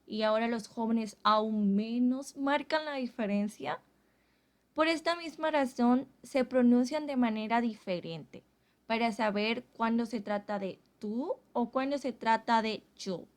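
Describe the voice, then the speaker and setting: A woman teaching a Korean grammar lesson, explaining slowly and carefully. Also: a little high. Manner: slow, carefully spelled-out explanations.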